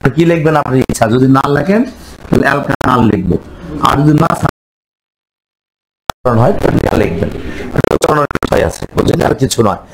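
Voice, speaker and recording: A man's voice: mid-range voice, animated, a little fast, pauses often, background noise. A man teaching a chemistry class, lecturing and firing repeated questions at his students.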